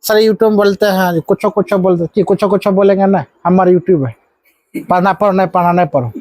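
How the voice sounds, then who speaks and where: High-voiced teacher quizzing his class. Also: steady tone, normal speed, darkish tone, no room sound. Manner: coaxing call-and-response, scolding asides. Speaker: math teacher. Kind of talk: live classroom lesson.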